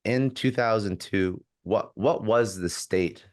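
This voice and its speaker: A man's voice: fairly low pitch, slow. A man hosting a podcast, asking long, eager, rambling questions. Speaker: podcast host. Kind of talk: interview questions.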